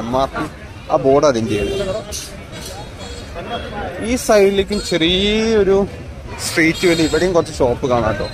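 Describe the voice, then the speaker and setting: A man, his voice sitting a little on the high side, chats to his viewers while walking outdoors. He keeps up a friendly running commentary. The sound comes from a phone camera with no separate mic, and loud traffic and street noise fill the background. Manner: chatty, addresses viewers as guys. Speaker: vlogger. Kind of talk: casual walking vlog. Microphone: phone camera, no external mic. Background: street traffic and passers-by.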